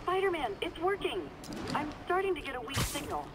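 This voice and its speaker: A woman's voice: high-pitched, very animated, brisk, very noisy. An actress playing a businesslike woman officer in a video game, giving clipped updates over a radio link.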